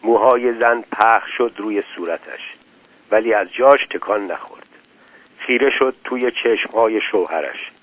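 A man telling a dramatic story in scripted narration, letting his loudness rise and fall widely. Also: fairly low pitch, no echo. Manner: dramatic, with big swings in loudness. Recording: dull, dry lo-fi recording.

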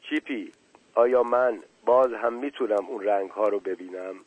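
A man voicing a small, wounded female sparrow in a storybook reading, speaking softly and gratefully. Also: fairly low pitch, no echo, natural voice, poor audio. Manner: soft, warm, grateful. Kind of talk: storybook character voice.

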